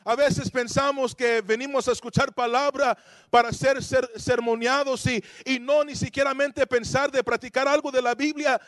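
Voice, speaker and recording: A man's voice: extremely high pitch, steady tone, normal speed, a bit bright, dry recording, clean studio sound. A man preaching a sermon to his congregation, telling stories animatedly, acting out voices and dropping English phrases into his talk.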